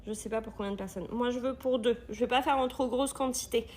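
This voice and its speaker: A woman with a bright, high voice hosts a live cooking stream and chats easily with her viewers. She greets them again and again and reads their comments aloud as she cooks, with a faint hum of room noise behind her. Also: fairly even intonation, fast talker. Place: Thermomix agency kitchen.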